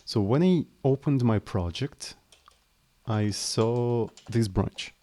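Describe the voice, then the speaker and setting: At a slow pace, a man with a medium-pitched, warm voice walks viewers through his code on a casual live stream. He speaks English as a second language, tentatively and apologetically, restarting often.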